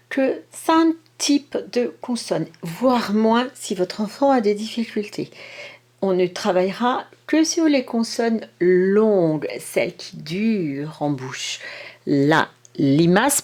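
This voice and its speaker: A woman, a kindergarten teacher explaining an exercise to parents, speaking slowly and stretching out sounds and syllables. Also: medium pitch, a little mellow. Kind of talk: instructional video for parents.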